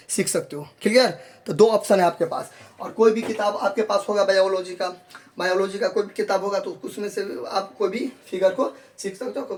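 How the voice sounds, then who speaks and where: A man whose voice sits high, with a darkish tone, teaches biology classroom-style while showing students a real leaf. He repeats each point, answers his own questions, and coaxes the class along, calling them "babu log."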